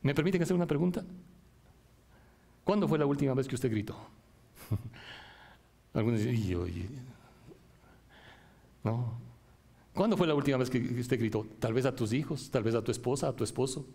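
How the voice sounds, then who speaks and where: A middle-aged male pastor preaching a sermon, often checking in with his listeners and rising into emphatic, lively passages. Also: medium pitch, normal speed, long pauses. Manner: rhetorical, frequent "¿sí?" checks with the congregation.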